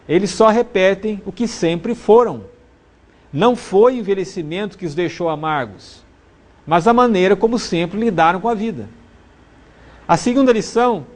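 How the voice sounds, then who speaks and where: A man giving a sermon, reading scripture and then teaching in a steady, earnest way. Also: high-pitched. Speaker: preacher.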